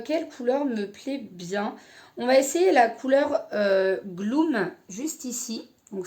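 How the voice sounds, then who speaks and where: A woman's voice: on the high side, darkish tone. A young woman casually reviewing an eyeshadow palette, hesitant with many fillers. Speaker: beauty vlogger.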